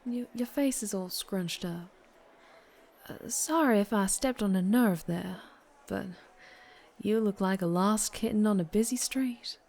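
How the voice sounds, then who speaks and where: Playing a Southern-accented vampire biker, a woman teases and dotes on the listener with a fierce, flirtatious edge in this intimate ASMR character monologue. Her voice sits in the mid range, a little slow and slightly mellow.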